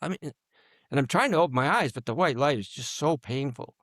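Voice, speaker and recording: A man in his seventies, a guest in an interview, recounting personal stories in a halting way that sinks to a near-murmur at grim moments. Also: on the high side, expressive, fairly bright tone, no room sound, clean studio sound. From United States. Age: 70s. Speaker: guest, combat veteran.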